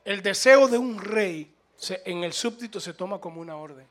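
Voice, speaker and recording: Speaking at a normal speed in a high, animated voice, a Latin American Spanish-accented man preaches an impassioned, informal sermon. He hammers points through repetition and pushes his listeners to reply while taking their questions.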